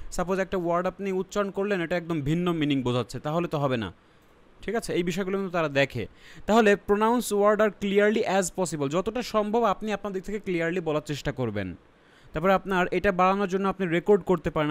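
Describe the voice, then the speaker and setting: Bangladeshi man teaching, a little high-pitched. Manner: explains step by step, checks in with "ঠিক আছে?"; mixes English terms into his explanations. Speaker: IELTS teacher. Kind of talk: online lesson.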